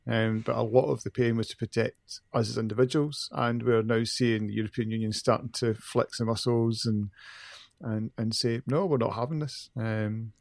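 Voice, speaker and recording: A male co-host chats casually about the news. His mid-pitched voice has a lot of creak in it, and it is recorded very dry and without room sound. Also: steady tone, moderate pace, no room sound. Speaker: podcast co-host. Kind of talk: casual discussion.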